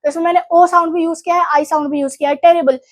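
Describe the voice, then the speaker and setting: A young woman from India leads an exam revision lesson, her voice pitched high. She speaks with an Indian English accent and talks through each point step by step, switching between Hindi and English. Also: steady tone, racing. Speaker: teacher.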